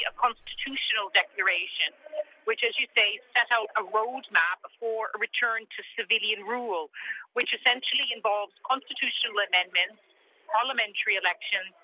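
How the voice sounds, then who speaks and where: A woman correspondent gives a measured, descriptive live news report from outdoors on a rooftop, speaking formally. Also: medium pitch. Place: outdoors on a mosque rooftop above crowded streets. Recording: noisy lo-fi line, dull sound. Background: loudspeaker voices and street ambience.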